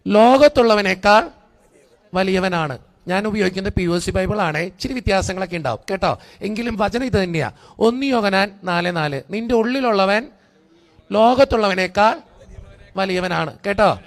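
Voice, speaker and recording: Priest guy, high voice kinda gravelly, teasing the crowd, making them repeat stuff at a convention. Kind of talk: lively sermon with congregation call-and-response.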